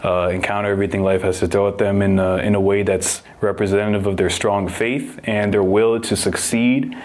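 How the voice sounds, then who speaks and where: A young man hosting a podcast interview, talking in a relaxed, earnest way with many fillers. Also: fairly low pitch, brisk. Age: young adult. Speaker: podcast host. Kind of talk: casual interview.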